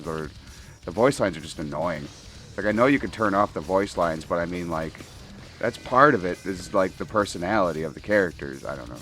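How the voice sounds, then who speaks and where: A lower-pitched man talks loosely while he plays, his thoughts wandering and laced with swearing and frequent laughter. He speaks into a desk microphone at home. Faint game music runs quietly under his voice. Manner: rambling, profane, laughs often. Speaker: gaming commentator. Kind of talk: casual rambling commentary while playing.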